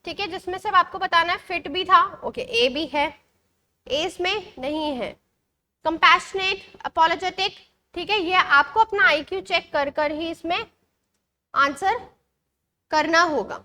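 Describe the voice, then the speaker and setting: A woman's voice: very high-pitched, sharp tone. A young woman with an Indian accent teaching an exam-prep English lesson online, mixing Hindi and English and checking in with her students often. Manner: switches between Hindi and English, reads passages slowly; checks in often with short questions.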